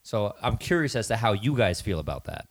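A man hosting a casual podcast, phrasing his thoughts in a measured, deliberate way. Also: lowish voice, very animated. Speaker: podcast host.

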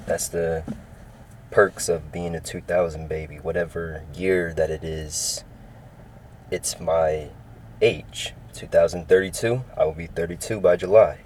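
Low and steady, his slightly mellow voice moves at a measured pace, with slight background noise on a low-quality recording. He's a podcast host from California in his early twenties, casually rambling and repeating himself through an upbeat solo sports show.

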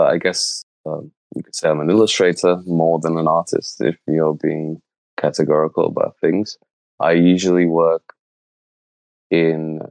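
A man, answering interview questions in a thoughtful, halting way. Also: low voice, vocal fry, darkish tone, no echo, low-quality recording. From Slovenia. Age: 30s. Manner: thoughtful, halting, searching for words. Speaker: interviewee, illustrator.

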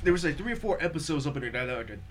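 A man's voice: fairly high pitch, lively intonation, very fast, slight background noise. A man chatting casually with friends in a slangy, profane frat-bro way. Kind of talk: casual group chat with friends about a TV series.

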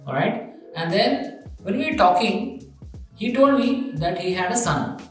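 A man's voice: high-pitched, lively intonation, unhurried, soft background music. A man telling a travel story in a casual monologue, enthusiastic and emphatic, with lots of fillers. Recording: very echoey room.

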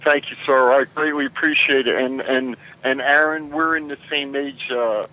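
A man in his sixties calls in over a car speakerphone from behind the wheel. His tone is bright and forward. He is courteous, calls people sir, and stops to restart his sentences. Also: medium pitch, fairly even intonation, dull audio. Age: 60s. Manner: polite and affectionate, says sir, halting restarts. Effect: car speakerphone call while driving. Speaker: radio show caller. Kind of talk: casual call-in chat. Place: in a car driving.

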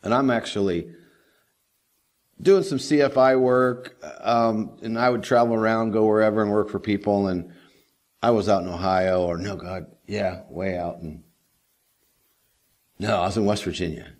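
Middle-aged male host, low-set voice, folksy and rambling, casual to-camera chat. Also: fairly even intonation, moderate pace, pauses often. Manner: folksy and rambling, with frequent "you know". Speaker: host of a daily helicopter training video series. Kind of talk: casual talking-head monologue.

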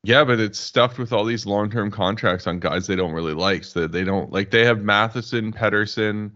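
A man's voice: fairly low pitch, normal speed, a bit bright. A man co-hosting a casual sports podcast, explaining his points in a matter-of-fact way. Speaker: podcast co-host. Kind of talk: casual hockey podcast chat. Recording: dull lo-fi sound.

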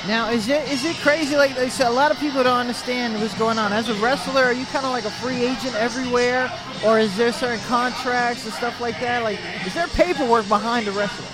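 A man hosting a radio interview, asking loose, rambling questions in an excitable, casual way. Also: very high voice, fairly quick, few pauses. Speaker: radio host. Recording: very loud music and crowd.

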